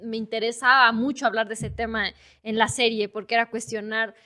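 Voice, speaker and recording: A woman's voice: a little high, steady tone, brisk, pushed and bright. A woman with an Ecuadorian Spanish accent, a guest in a casual interview, talking earnestly and repeating words. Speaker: guest, director and screenwriter.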